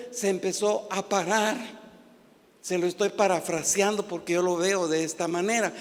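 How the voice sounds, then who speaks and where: High-voiced Guatemalan preacher in a reverberant hall. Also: male voice. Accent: Guatemalan Spanish. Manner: impassioned preaching that swells to shouting. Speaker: pastor. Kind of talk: sermon. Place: church.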